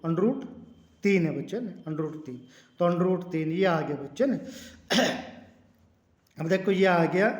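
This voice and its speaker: A man's voice: high-pitched, roomy sound. A man teaching a math lesson step by step, calling his students "children" and repeating key words. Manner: repeats key words, clears throat now and then.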